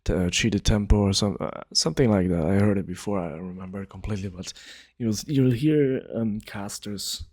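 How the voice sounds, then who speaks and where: Laid-back low-voiced man explaining casually. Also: brisk, few pauses, darkish tone, husky, dry recording, clean studio sound. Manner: laid-back, rambling, many fillers. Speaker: gaming video creator.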